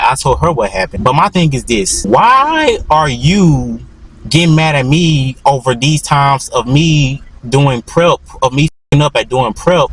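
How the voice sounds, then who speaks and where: A man's voice: medium pitch, fairly bright tone, breathy edge, low-quality recording. A young man in his twenties telling a storytime as a vlogger, rambling with constant restarts and repeated "literally". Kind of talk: storytime monologue.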